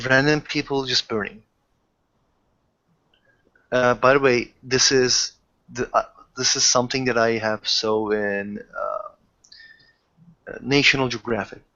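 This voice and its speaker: This man's bright, forceful mid-range voice comes through a dull, clicky lo-fi recording of a casual tabletop roleplay. He improvises in fragments, often reworking his sentences partway through.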